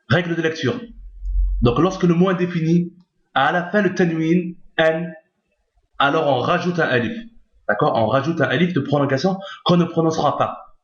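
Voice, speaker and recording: A man teaching how to read Arabic in a recorded lesson, patiently repeating each point and checking that his listeners follow. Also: medium pitch. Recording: echoey, dull lo-fi recording.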